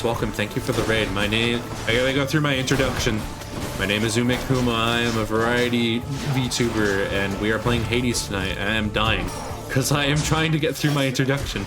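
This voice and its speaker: A man chatting casually on a live game stream as a VTuber, joking and rambling as he answers viewers. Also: medium pitch. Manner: joking, rambling, self-deprecating, casually profane. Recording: loud game music behind the voice. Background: video game music.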